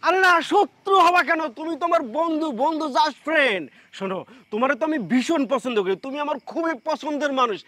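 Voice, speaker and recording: A man's voice: very high voice, fairly quick. A man playing a teasing, jumpy father-in-law. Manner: playful, mocking, shouts in panic. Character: teasing, easily spooked village father-in-law. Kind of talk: comic TV drama acting.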